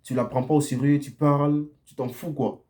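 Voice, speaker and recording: A man's voice: fairly high pitch, steady tone, moderate pace, warm tone, a little hiss or hum. A young man giving blunt dating advice in a casual monologue, often tagging his sentences with a questioning "ok?" and repeating himself. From Côte d'Ivoire. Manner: frequent tag "ok?" and repetitions, direct and blunt.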